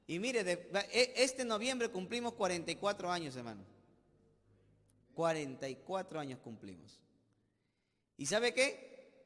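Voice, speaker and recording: A Peruvian man preaching from the pulpit in a strikingly high voice. He drives his points with rhetorical questions and sudden loud bursts. The sanctuary gives him a long, ringing reverb. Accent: Peruvian Spanish. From Peru. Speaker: pastor. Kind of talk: sermon. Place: church sanctuary.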